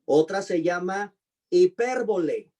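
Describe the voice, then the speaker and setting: A man with a mellow voice that sits a bit above the usual male range, teaching an online class. He says each term slowly and more than once, spells out the letters, and puts questions to his students. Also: sits high, lively intonation. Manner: slow, deliberate spelling-out of terms. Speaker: pastor and teacher.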